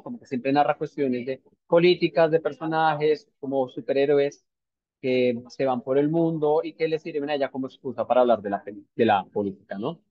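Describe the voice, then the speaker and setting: A man's voice: medium pitch, no room sound. A man presenting a novel to a book club in a thoughtful, hesitant way, with many fillers and tag questions. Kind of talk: informal book discussion talk. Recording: dull lo-fi sound.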